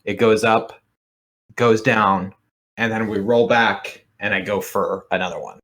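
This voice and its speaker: Lowish voice guy, lots of ums, describing his game character. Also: fairly even intonation, measured pace, a bit bright. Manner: hesitant, thinking aloud with many fillers. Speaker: player. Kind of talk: tabletop game play.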